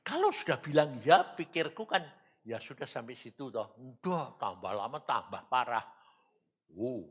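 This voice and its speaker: A male preacher tells a testimony slowly, with a bright, forward tone. His pitch swings widely as he acts out both sides of a dialogue with God, shifting from loud bursts to quiet, low lines. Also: very animated, husky. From Indonesia. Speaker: evangelist preacher. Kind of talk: sermon testimony. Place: church or studio.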